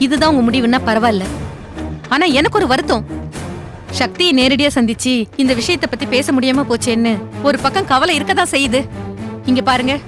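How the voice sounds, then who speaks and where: A woman's voice: high-pitched, lively intonation, brisk. An actress playing a blunt, demanding in-law mother who speaks coldly and accusingly in a TV serial. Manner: cold and accusing. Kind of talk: TV serial acting. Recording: TV soundtrack with music underneath.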